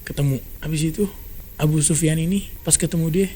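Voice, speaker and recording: A man tells a story in a relaxed podcast conversation. His speech is fast and animated, and his voice sits a little high. Faint ambience hums under the recording. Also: a little hiss or hum. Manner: brisk, animated retelling with quoted dialogue. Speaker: storyteller guest.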